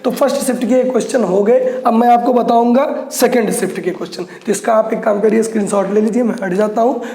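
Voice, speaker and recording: A man's voice: high voice, steady tone, dark tone. Casual male tutor in an echoey room. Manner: chatty, repeats answers slowly while writing. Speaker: exam coaching teacher. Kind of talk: casual exam-prep lesson.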